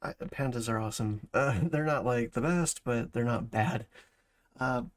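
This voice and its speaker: A man's voice: medium pitch, measured pace. A man chatting casually as a streamer reacting to a video, thinking aloud in broken, rambling phrases. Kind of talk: casual chat, reaction commentary.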